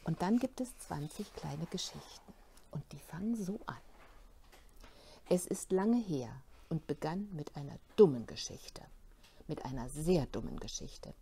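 A woman bookseller presenting a children's book and reading it aloud in a bookshop, with animated storytelling. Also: low voice, measured pace, creaky, slight background noise.

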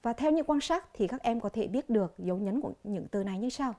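Mellow-voiced Vietnamese woman teaching English. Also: fairly high pitch, animated. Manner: slow, clear, repeats each word. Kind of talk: televised classroom lesson.

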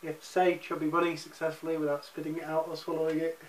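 A man's voice: on the high side, completely flat delivery, racing. A man in his twenties hosting a challenge in casual, playful chat. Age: 20s. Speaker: challenge host. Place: small living room. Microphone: camera across the room. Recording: echoey living room, distant mic.

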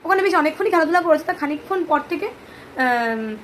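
A mother with a hoarse voice from a cold, chatting casually to camera at home and coaxing her sick baby now and then. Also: high voice, animated, brisk. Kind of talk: casual vlog narration. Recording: noisy home recording.

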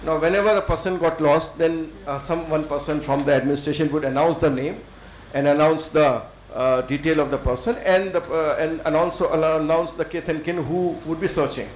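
A middle-aged Indian man with an Indian English accent gives a thoughtful lecture to students, with many fillers and pauses. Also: a little high, roomy sound, slight background noise, poor audio. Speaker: civil servant speaker. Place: lecture hall.

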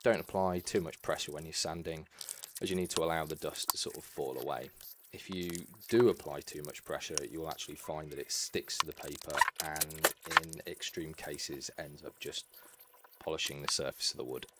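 A man calmly giving practical, step-by-step woodwork restoration advice as a voice-over. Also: rumbling low, normal speed, background noise. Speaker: woodwork tutorial narrator. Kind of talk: instructional voice-over.

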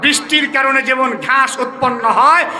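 A man from Bangladesh preaching a waz sermon with a colloquial Bangladeshi accent, quizzing the crowd and shouting slogans. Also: very high-pitched, normal speed. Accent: Bangladeshi Bengali, colloquial. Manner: call-and-response questions to the crowd, shouting slogans. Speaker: Islamic preacher. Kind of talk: waz sermon at an outdoor gathering. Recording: echoey open-air PA with crowd.

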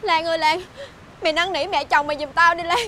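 An actress playing a fickle young mistress who whines and pleads, over background music. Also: female voice, sits high, lively intonation, fairly quick, a little hiss or hum. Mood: pleading. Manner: whiny, pleading.

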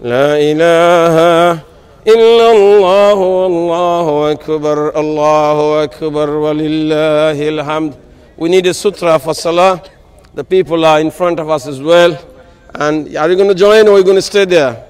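A man leads prayer on an open stadium field, his voice set high for a man. He stretches each takbir and verse into long melodic lines, smooth and resonant, then drops into brief plain requests to straighten the rows. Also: steady tone, darkish tone. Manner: melodic, drawn-out chanting between brief plain announcements. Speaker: imam leading Eid prayer. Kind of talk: chanted takbir and Quran recitation with spoken instructions. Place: large outdoor stadium field.

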